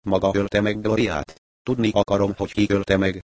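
A defiant older lady held captive, read by a man in an audiobook. The voice stays low and is recorded dry, with no room sound. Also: flat delivery, a little mellow, dry recording, lightly acted.

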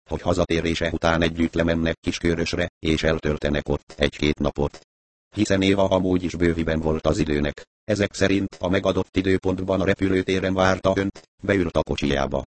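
A man reading an audiobook, voicing a cool-headed male investigator who questions suspects in a measured, probing way. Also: sits low, fairly even intonation, close to an everyday voice. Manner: measured, probing, coolly ironic.

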